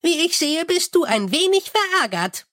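A man voicing a tiny, fussy, eager male imp with a high chirpy voice, in an audiobook reading. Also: big pitch swings, normal speed, sharp tone, exaggerated voice. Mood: eager chirping.

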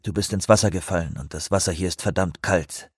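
Gruff, curt man, as a narrator reads him. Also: sits low, brisk, no room sound, clean studio sound. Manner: curt, unfriendly, muttering. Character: gruff, irritable adult man, a whale researcher.

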